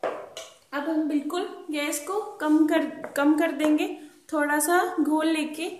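A woman hosting her cooking channel, calmly and patiently walking through a recipe step by step at a gas stove in a home kitchen and repeating her tips. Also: high-pitched, slow pace. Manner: calm, patient instructional talk, repeats tips. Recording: roomy kitchen echo with pan sounds.

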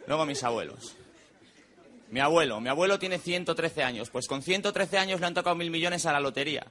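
A man performing a stand-up monologue on stage, delivering quick deadpan punchlines and mimicking his relatives. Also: fairly high pitch. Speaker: stand-up comedian. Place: stage before a live audience. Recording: stage recording with audience laughter and noise.

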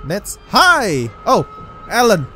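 An excitable man narrates his own horror game run, his voice swinging widely between mutters and startled yelps. He talks to himself the whole way, with game music playing under him. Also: sits high, slow pace. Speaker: gameplay commentator. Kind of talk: let's play commentary. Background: game music and sound.

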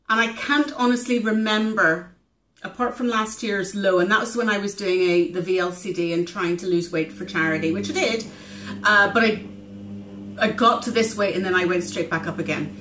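A woman in her forties shares an earnest, confessional diary vlog, pausing often with ums and restarting her thoughts. Her voice carries a noticeable room echo. A steady wash of ambient noise sits behind her. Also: medium pitch, far from the mic. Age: 40s. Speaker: vlogger keeping a weight-loss diary.

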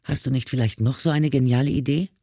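A man's voice: medium pitch, quick pace, warm tone, no echo, clean studio sound, natural voice. A man reading an audiobook, voicing a tough female ex-cop who barks orders. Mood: weary. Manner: barking orders.

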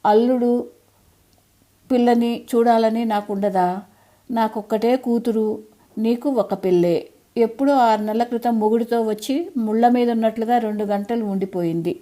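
A frail elderly mother from an audiobook, proud, lonely and quick with a wry scolding, as a woman reader puts her on. She talks in homely, old-fashioned phrases. Her voice sits very dark and mellow. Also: a little high, fairly even intonation, lightly acted. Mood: wry chiding.

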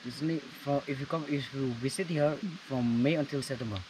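A man's voice: mid-range voice, a little fast, a little mellow. Distant, polite man with Indian accent. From Meghalaya, India. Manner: polite, brief answers. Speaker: local interviewee. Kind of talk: casual chat. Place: outdoors, away from the mic. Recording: distant voice, faint outdoor noise.

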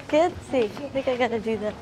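A woman from Long Island with a New York accent talks in a casual, explanatory way as a local guide. Her voice sits a little high. She is outdoors, with plenty of urban noise around her. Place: outdoors, evening streets and harbor overlook. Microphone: clip-on lavalier. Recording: noisy outdoor street ambience.

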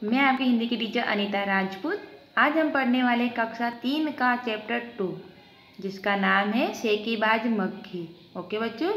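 A woman teaching a young class, slowly asking questions and repeating the answers. Her voice sits a little high. The room is echoey, with a faint hiss behind. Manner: repeats questions to the children, explains step by step. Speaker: Hindi teacher. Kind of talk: online class lesson.

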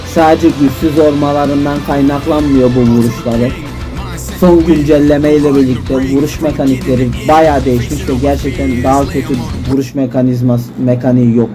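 A man giving frustrated gameplay commentary, swearing and shouting at the game. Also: medium pitch, fairly even intonation, normal speed. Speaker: gaming YouTuber. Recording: music loud behind voice.

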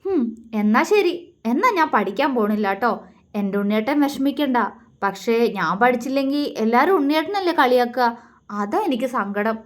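A woman voicing an affectionate, playful young wife who coaxes and teases gently. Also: fairly high pitch, animated, fairly quick, lightly acted. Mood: sweet. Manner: coaxing, sweet and teasing.

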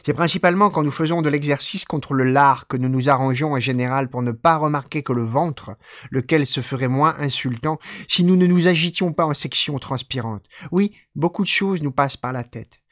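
A man with a somewhat high voice reads poetry aloud on a live stream, his recitation slow and measured. Between texts he drops into loose, offhand chatter with his audience. The sound is dry and close, with no room ring. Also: no room sound. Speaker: poetry reader and stream host. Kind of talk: live poetry reading with casual asides.

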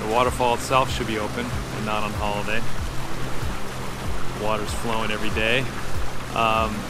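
Low, flat-voiced man vlogging from a sailboat. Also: normal speed, loud music behind the voice. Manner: relaxed, rambling with fillers. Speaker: sailing vlog host. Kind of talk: casual chat to camera. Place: outdoors on a sailboat on a river. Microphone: phone held at arm's length.

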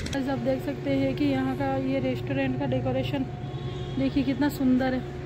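A woman's voice: high-pitched, flat delivery, moderate pace, heavy background noise. A young woman food vlogger chatting enthusiastically to her viewers while reviewing a rooftop restaurant, filmed on a handheld phone. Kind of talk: casual restaurant review vlog. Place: rooftop restaurant at night, outdoors.

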